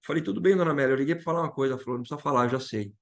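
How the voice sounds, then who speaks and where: A man's voice: medium pitch, racing. A man from Brazil sharing an emotional personal testimony as a guest, retelling dialogue and repeating key phrases.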